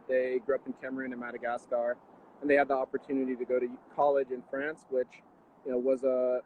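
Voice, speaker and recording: A man in his twenties from the Washington D.C. area, a guest athlete answering interview questions in a measured, thoughtful way over a video call. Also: mid-range voice, a little hiss or hum. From Washington D.C. area, USA. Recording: tinny phone-like video call audio.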